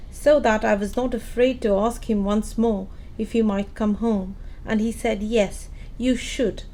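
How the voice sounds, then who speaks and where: A woman's voice: mid-range voice, mellow, natural voice, low-quality recording. A woman playing Fan, an affectionate and eager young sister, speaking earnestly in an audio play.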